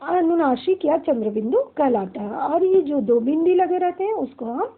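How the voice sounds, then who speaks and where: Woman teacher, high voice, slow and patient, asks and answers her own questions, tinny phone-quality sound. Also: lively intonation. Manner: slow, repeats questions and answers them herself. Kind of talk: classroom grammar lesson.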